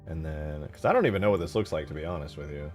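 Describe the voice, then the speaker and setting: This man's pitch is extremely low, yet he's expressive and talks fast, with faint music behind him. Streaming his game-modding work, he chats casually and thinks aloud in informal, slangy fragments, swearing casually.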